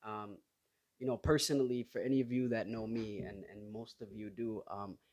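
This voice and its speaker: A man in his thirties from Somalia, hosting his own podcast and talking in a halting, personal way full of restarts. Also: lowish voice, steady tone, a little mellow, muffled recording. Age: 30s. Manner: hesitant, halting, with many restarts and fillers. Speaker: podcast host. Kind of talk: casual solo podcast talk.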